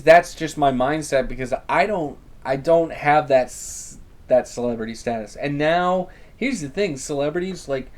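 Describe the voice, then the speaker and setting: Ranting young man on a podcast. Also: mid-range voice. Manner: swears a lot, animated rants. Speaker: podcast host. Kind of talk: casual chat.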